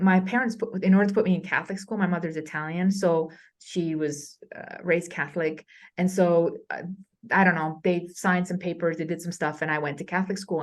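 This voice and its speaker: A woman from Romania, appearing as a scholar guest, with a somewhat low voice for a woman. She tells her stories conversationally, stopping to restart and filling gaps with ums. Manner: hesitant, with many fillers and restarts. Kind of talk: conversational storytelling.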